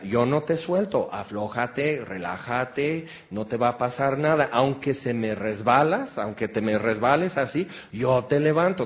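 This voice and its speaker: Mexican guy preaching, middle-aged, storytelling, gets quiet and close sometimes. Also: on the high side. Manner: storytelling, drops to soft confiding tones. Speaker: pastor. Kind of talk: sermon.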